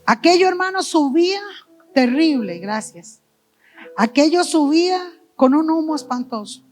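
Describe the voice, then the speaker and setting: A woman with a high voice and a Costa Rican Spanish accent gives an emotional testimony to her church. She moves from loud, pleading cries to low, hushed speech and keeps addressing the listeners as "amados" and "hermanos". Soft instrumental music plays quietly behind her. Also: lively intonation, a little slow. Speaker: pastor's wife giving testimony.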